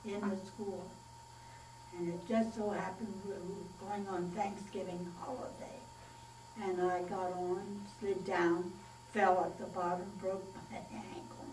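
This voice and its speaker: A woman in her nineties, recalling her childhood in a slow, plainspoken oral history interview. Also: mid-range voice, little pitch movement, darkish tone. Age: 90s. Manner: unhurried, plainspoken storytelling with pauses and fillers. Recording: echoey room, distant mic, faint mains hum.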